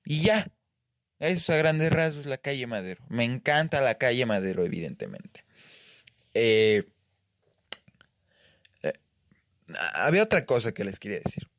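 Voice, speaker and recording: A man's voice: mid-range voice, very animated, normal speed, pauses often, no room sound. A man with a Mexican accent giving a crude, slangy comedic monologue.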